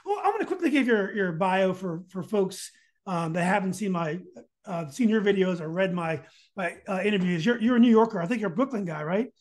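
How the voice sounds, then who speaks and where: A man's voice: high voice, expressive, a little fast. A man hosting a casual podcast interview, hesitant and often searching for his words.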